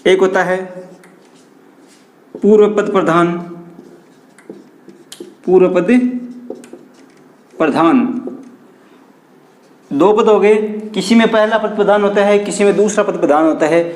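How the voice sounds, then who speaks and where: A male teacher giving an online grammar lesson, repeating key terms as questions to the class and dropping his pitch on each stressed term. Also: slow pace, long pauses, roomy sound. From India.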